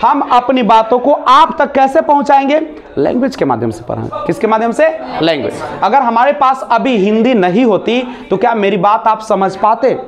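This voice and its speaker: A man's voice: extremely high pitch, lively intonation, normal speed. A man teaching a basic spoken English class. He demonstrates sounds aloud, mixes English phrases into his speech and asks rhetorical questions. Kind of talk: classroom lesson.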